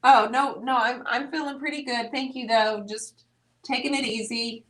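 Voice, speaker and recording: Play a chatty woman running a live stream as she paints furniture. Her voice sits a little high. She talks loosely and casually, greets viewers by name and teases the person off to the side. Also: fairly even intonation, moderate pace.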